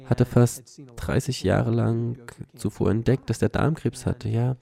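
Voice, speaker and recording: A man's voice: mid-range voice, fairly even intonation, measured pace, vocal fry, dark tone. A man telling his own story earnestly as personal testimony, often dropping in a filler "ja". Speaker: cancer survivor sharing his story.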